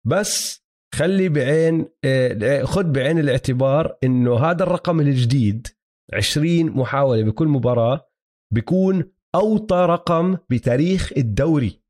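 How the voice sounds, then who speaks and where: Speaking with a Palestinian-Jordanian Levantine Arabic accent, a man co-hosts a casual sports analysis chat, explaining his points, checking that the listener follows, and dropping in English basketball terms. His fairly high, darkish voice has lively intonation and a moderate pace.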